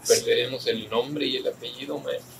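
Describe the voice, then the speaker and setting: A man from the group who asks his teacher questions in a hesitant, halting way. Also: steady tone, creaky. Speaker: student in the group. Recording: faint rumble behind.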